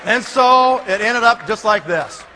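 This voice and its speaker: A man telling a comic story to a live audience, animated and laughing as he acts out scenes. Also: high voice, unhurried, crowd noise. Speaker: speaker. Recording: long hall reverb, faint room noise.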